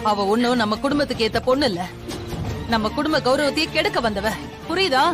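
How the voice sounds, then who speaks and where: A woman's voice: sits high, animated, brisk. An actress playing a domineering mother-in-law who scolds harshly, with TV drama music behind. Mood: scornful. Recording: TV drama with loud background music.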